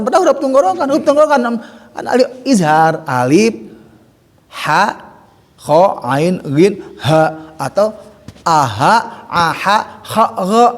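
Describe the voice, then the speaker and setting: A man teaching Quran recitation, drilling letter sounds in chanted syllables. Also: sits high. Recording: long hall reverb.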